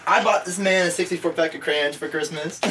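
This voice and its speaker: A man chatting casually as a podcast guest, crude and slangy, saying "bro" often. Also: on the high side. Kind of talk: casual banter. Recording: very noisy recording.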